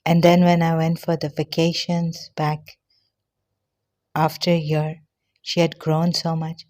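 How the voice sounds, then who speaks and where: An older woman from Pakistan talks slowly and haltingly, with many fillers and pauses along the way. Her voice sits low, and she sounds a little out of breath. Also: completely flat delivery, darkish tone. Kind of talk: personal testimony monologue.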